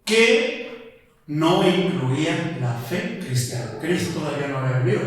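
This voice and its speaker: A Mexican pastor with a high voice preaches emphatically, pressing his listeners with one rhetorical question after another. He sounds distant from the mic, and his voice rings through a long, echoing reverb in a church hall. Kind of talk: sermon. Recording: echoey hall from far off.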